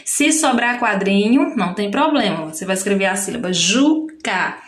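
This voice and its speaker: A woman teaching a children's workbook lesson with Brazilian Portuguese speech, patiently slowing down to spell out syllables. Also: mid-range voice, animated. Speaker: primary school teacher. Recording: echoey room.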